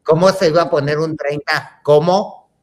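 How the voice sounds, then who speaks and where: A man's voice: on the high side, fairly even intonation, moderate pace, a little hiss or hum. A man telling a gossip story in a campy, theatrical way, calling his listeners "hermanitas". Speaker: host.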